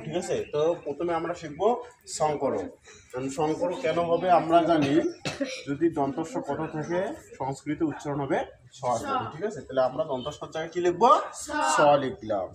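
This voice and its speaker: A man teaching Sanskrit pronunciation step by step, repeating syllables slowly and asking questions he then answers himself. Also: a little high. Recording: crowd noise in background.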